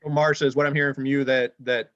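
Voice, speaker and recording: A man chairs a public planning meeting, restating answers in a measured way to confirm them. His pitch is middling. The recording sounds dull and muffled. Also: level tone, a bit bright. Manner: measured, clarifying questions.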